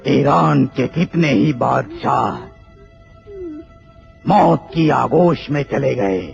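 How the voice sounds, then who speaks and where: Brief: grave king, slow, very gravelly, faint music behind. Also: medium pitch, lo-fi sound, heavily acted. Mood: solemn. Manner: solemn, commanding. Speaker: voice actor in a film dub. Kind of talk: dubbed film acting.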